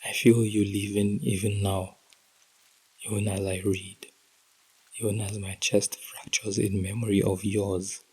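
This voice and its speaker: A man hosting a podcast, reading a heartbroken letter aloud in a slow, emotional, intimate delivery that drops to whispers at times. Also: on the low side, little pitch movement, mellow, husky, low-quality recording. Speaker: podcast host.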